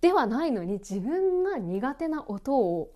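A woman announcer hosting her own podcast, chatting in a relaxed way, laughing often and poking fun at herself. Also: sits high, measured pace, muffled recording. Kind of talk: relaxed solo podcast chat.

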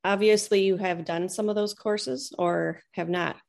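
A woman's voice: mid-range voice, fairly even intonation, unhurried, gravelly, darkish tone. A woman hosts a casual interview. She speaks in a plain voice and moves the talk along with brief questions. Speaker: interviewer host.

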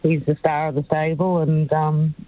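A woman's voice: sits low, little pitch movement, normal speed, dry recording, narrow, tinny audio. An Australian woman, a racehorse trainer, chatting in a radio interview over the phone, hesitant and full of ums and restarts.

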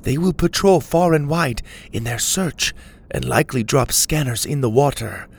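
A man's voice: medium pitch, animated, moderate pace, gravelly, slightly rough. A man voicing a stern, proud young woman pilot in a storybook reading, curt and commanding. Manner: curt, authoritative.

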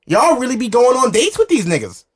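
With an extremely high, very animated, slightly rough voice and a brisk pace, this podcast host from Brooklyn, New York records in a studio while drinking alcohol. His chat is loose and profane, brash and provocative, and he laughs a lot.

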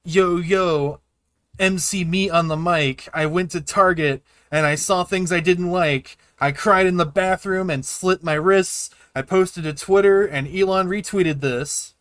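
A man rapping as a bigoted spoof rapper, in flat mock rhymes. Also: high-pitched, measured pace, clean tone, dry recording, clean studio sound, voice pushed up. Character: bigoted male rapper MC Meat.

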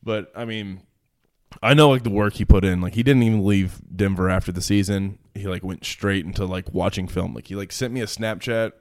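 A man's voice: on the low side, steady tone, fairly quick, a little mellow, no echo, studio quality. A young man in his twenties, a pro football player, chatting casually and telling stories with lots of fillers and laughs. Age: 20s. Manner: laid-back, many fillers, laughs while telling stories. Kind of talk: casual chat, storytelling.

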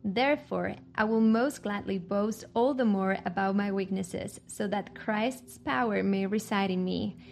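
A woman from Chile sharing her faith testimony as a podcast guest, earnest and reflective, pausing often with ums. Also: medium pitch, gravelly.

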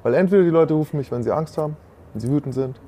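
A man speaking as a guest in a relaxed interview, earnest and reflective. He leans hard on key points to stress them. His voice sits somewhat high for a man. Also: rapid-fire. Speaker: guest, former convict. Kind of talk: casual interview conversation.

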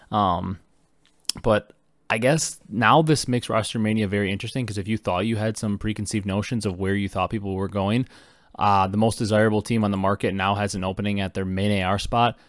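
A young man hosting a podcast, talking fast and excitedly with lots of fillers while he reacts to breaking esports news. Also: fairly low pitch, no echo, clean studio sound. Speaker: podcast host. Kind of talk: casual esports news commentary.

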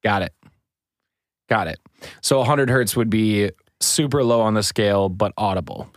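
Low-voiced casual man podcasting. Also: moderate pace, no room sound, studio quality. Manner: casual, swears, self-deprecating jokes. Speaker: podcast co-host.

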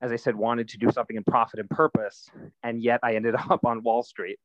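A man in his thirties, a nonprofit founder, answering interview questions in a relaxed, storytelling way with frequent fillers. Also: medium pitch, fairly quick, dry recording, lo-fi sound.

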